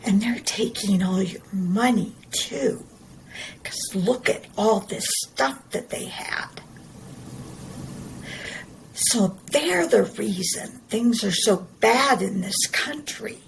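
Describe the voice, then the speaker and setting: Slow, gravelly-voiced woman in earnest monologue. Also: mid-range voice, lively intonation, slight background noise, rough recording. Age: middle-aged. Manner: earnest, emphatic, repeats words, slow deliberate delivery. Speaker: podcast host. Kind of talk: personal monologue.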